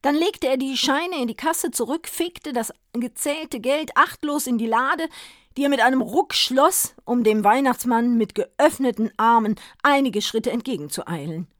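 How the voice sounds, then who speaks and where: A woman narrating a story in a calm, measured reading voice. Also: sits high, no room sound, studio quality.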